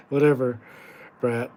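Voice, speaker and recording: A man hosting a casual home livestream, chatting with viewers in a rambling, joking, easily distracted way and often correcting himself. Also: medium pitch. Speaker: livestream host. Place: home room with houseplants, indoors.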